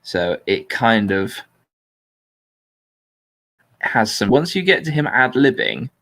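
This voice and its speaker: With poor audio, a man hosting a casual talk chats and reads a transcript in a deliberately flat, dry, informal style. He speaks slowly in a medium, a bit bright voice that is very animated.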